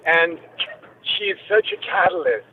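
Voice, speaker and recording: A woman calling in from a moving car over a clipped phone line, talking earnestly and haltingly, with many restarts. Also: lowish voice, lively intonation. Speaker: caller. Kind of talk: call-in chat. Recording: tinny phone line with road noise.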